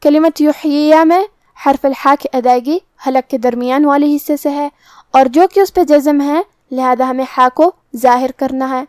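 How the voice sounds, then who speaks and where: A woman teaching Quran recitation rules in a methodical, careful way, chanting verses slowly between explanations. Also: high voice, fairly even intonation, a little mellow, no room sound, clean studio sound. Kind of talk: tajweed lesson with slow recitation.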